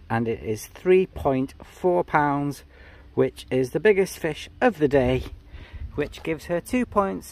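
A man vlogging casually outdoors at a fishing competition, encouraging and congratulating the others. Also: on the high side. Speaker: angler filming a fishing competition. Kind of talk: casual outdoor vlog chat. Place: outdoors beside a fishing lake. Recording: outdoors with light background noise.

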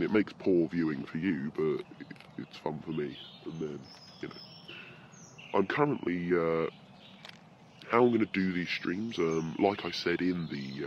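A British man with a very deep, low-pitched voice talks in a loose, rambling way, swearing freely and chuckling. He is recorded outdoors in a forest with birdsong behind him. The audio is slightly dull and lo-fi, with faint background noise. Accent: British English. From Britain. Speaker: podcast host. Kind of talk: casual rambling monologue.

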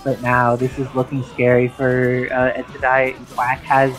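This esports commentator calls a fighting game live, explaining the action articulately in a monotone, mid-range voice at a measured pace. Game music plays beneath his commentary.

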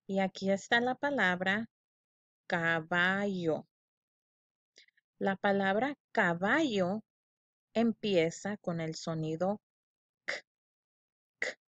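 A woman leads a children's phonics lesson at a very slow, deliberate pace. She stretches out each syllable and repeats sounds so learners can echo them. The recording is dry and a little dull, with a lo-fi sound. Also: medium pitch. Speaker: teacher.

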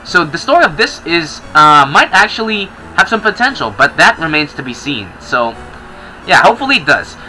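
A young man casually commenting as he plays a game, chatty and excitable. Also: on the high side, moderate pace, faint music behind, poor audio. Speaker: gaming channel host. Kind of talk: casual let's-play commentary.

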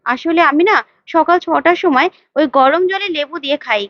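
A woman reads out a scheming young wife who coaxes and wheedles to get her way. The voice is high-pitched, dry and slightly dull. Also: normal speed, fairly bright tone, no echo. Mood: wheedling. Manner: wheedling, coaxing.

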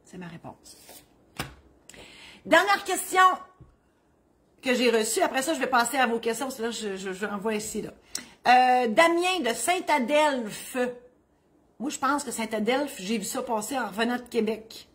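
A woman's voice: fairly high pitch, expressive, normal speed, long pauses. Chatty joking Quebec notary woman. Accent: Quebec French. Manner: chatty, joking, digressive, explains plainly. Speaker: notary answering legal questions. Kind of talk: humorous legal advice column.

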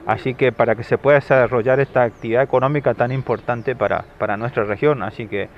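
A man in his thirties with an Argentine accent, giving a halting, explanatory interview answer through a face mask. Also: medium pitch, fairly even intonation. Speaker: health worker interviewee. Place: outdoors under trees at fairground. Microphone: handheld interview microphone. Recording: dull sound, faint outdoor noise.

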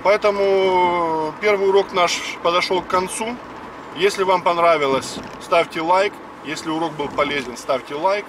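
This fifties-aged man has a high voice and speaks at a normal speed while leading an informal lesson from behind the wheel. Chatty, he breaks things down word by word. Road noise fills the recording, captured from afar by a dashboard camera.

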